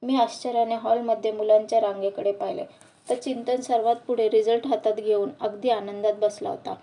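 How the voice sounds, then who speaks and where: Woman reading a novel out loud, steady storyteller, mellow dark tone, bit high. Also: brisk, far from the mic. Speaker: audiobook reader.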